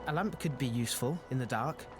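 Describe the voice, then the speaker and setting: A man's voice: mid-range voice, fairly quick, lightly acted. Earnest young sailor, a man voicing him. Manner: earnest, compassionate. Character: kind-hearted young male sailor. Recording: game audio with clear music behind.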